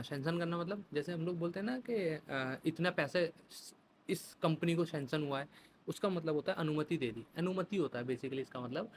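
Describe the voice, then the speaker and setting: A man's voice: fairly high pitch, a little hiss or hum. A man teaching English vocabulary for exam prep, chatting through playful classroom examples.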